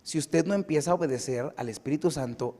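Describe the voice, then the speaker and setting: A man's voice: a little high, fast. A pastor, telling a personal story in his sermon and building to emphatic exhortation. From United States. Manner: lively anecdotal preaching, building to emphatic exhortation. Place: church sanctuary. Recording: long church-hall reverb.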